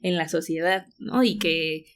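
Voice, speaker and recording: A woman's voice: low-pitched, unhurried. A woman, a podcast guest speaking earnestly and thoughtfully in casual conversation. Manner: thoughtful, earnest, many fillers.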